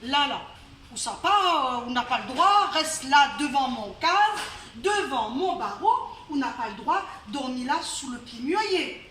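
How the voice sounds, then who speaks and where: A woman's voice: high voice, lively intonation, unhurried, bright, forceful tone, slight background noise, full character voice. A woman storyteller voicing a proud, haughty rich landowner who talks in a brusque, forbidding way. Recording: roomy, distant live venue recording.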